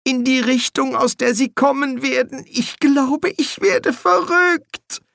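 A shrill, panicky wizard bursar. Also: male voice, fairly even intonation, slow pace, vocal fry, fairly bright tone, no echo, clean studio sound, full character voice. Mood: panicky whimper. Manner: shrill, whining, frantic.

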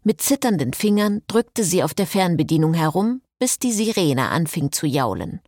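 A woman reading a novel aloud as narrator in an expressive style. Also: lowish voice, normal speed, dry recording, clean studio sound. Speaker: audiobook narrator. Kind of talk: scripted narration.

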